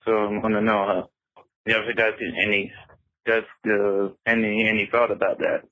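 A man leaves a rambling voicemail, stumbling over fillers and repeats. His voice is on the low side. The recording is dull and lo-fi, like a voicemail. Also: little pitch movement. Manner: halting, many fillers. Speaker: voicemail caller. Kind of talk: voicemail message.

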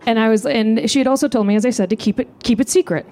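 A woman comedian telling a comic story live on stage, animated and self-mocking. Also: fast. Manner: animated, self-mocking, jumps into high voices. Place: live show outdoors.

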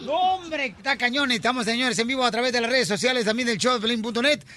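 A man hosting a rowdy live studio show, loud and teasing, laughing often. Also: extremely high pitch, fast. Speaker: radio show host.

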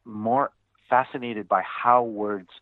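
A man's voice: medium pitch, fairly even intonation, slow, no room sound. A man co-hosting a music podcast, talking casually and rambling, with many restarts and fillers. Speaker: podcast co-host. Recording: tinny phone-like audio.

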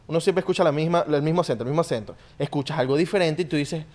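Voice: medium pitch, rapid-fire, darkish tone. Podcast cohost chatting, slangy and curious, plain mid voice. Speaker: podcast host. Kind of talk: casual chat.

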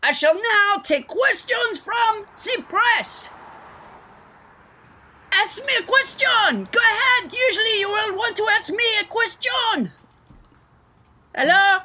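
Woman doing a pompous, high-pitched mock-French male president. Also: lively intonation, slow, long pauses, bright, forceful tone, slight background noise, exaggerated voice. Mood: pompous, eager. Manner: pompous, declarative, peppered with mock-French words. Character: pompous, self-important male French President Trump parody. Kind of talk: satirical press conference sketch.

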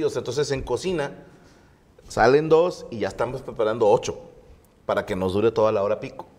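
A man's voice: medium pitch, a little mellow, big-room sound. A young man with a Mexican accent, co-hosting a casual chat and telling slangy stories that act out the people in them. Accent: Mexican Spanish. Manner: slangy storyteller, acts out quoted voices. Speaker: podcast co-host.

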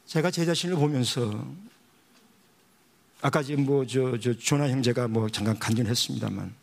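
A man's voice: mid-range voice, moderate pace, creaky. A male missionary pastor preaching a sermon, telling a funny story and acting out the dialogue. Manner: animated storyteller who acts out dialogue. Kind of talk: sermon with humorous anecdote.

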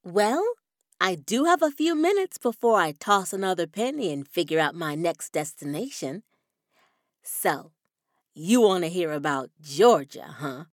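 An actress playing a bold, adventurous young woman motorcycle rider who tells her story in a calm, self-assured way. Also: on the low side, measured pace, dry recording, clean studio sound. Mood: confident. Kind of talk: audio drama acting.

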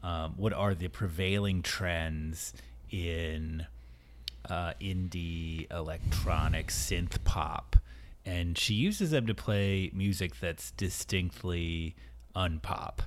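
Very low-voiced man hosting a podcast. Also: slow pace. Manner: enthusiastic, rambling with many fillers. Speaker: podcast host. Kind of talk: casual music podcast chat.

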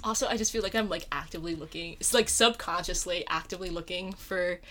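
Against crowd noise, a young adult woman co-hosts a podcast in casual chat, talking fast in a steady, fairly low-pitched voice. Her style is playful, gushing and emphatic.

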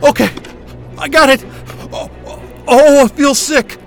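In a science-fiction audio drama, a man gives a full character voice to a high-voiced male astrophysicist who is panicked, distressed and bewildered. Gravelly, with fairly even intonation, he drags his words out slowly, gasping, stammering and swearing in anger. Faint music runs underneath.

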